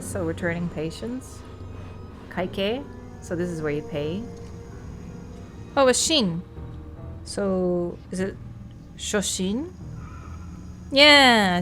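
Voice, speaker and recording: A woman streamer chatting casually through a game, reacting with gleeful exclamations. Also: mid-range voice. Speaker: streamer playing a visual novel. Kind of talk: let's-play commentary.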